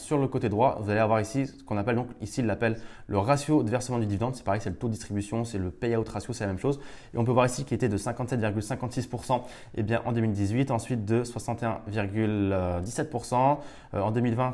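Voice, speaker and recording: A man's voice: medium pitch, darkish tone. A man teaching stock investing over a screen-share, explaining step by step with frequent hesitations. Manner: explanatory, many fillers and restarts. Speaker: investing educator.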